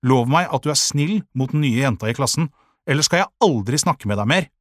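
A man voicing a fiery twelve-year-old girl in an audiobook, earnest and insistent, with a husky edge. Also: medium pitch, animated, no echo, clean studio sound, voice pushed up, lightly acted. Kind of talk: audiobook character voice.

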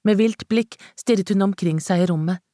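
A woman narrating a novel in a measured, dramatic storytelling manner. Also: medium pitch, mellow, no echo. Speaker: audiobook narrator. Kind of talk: scripted narration. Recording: dry close studio sound.

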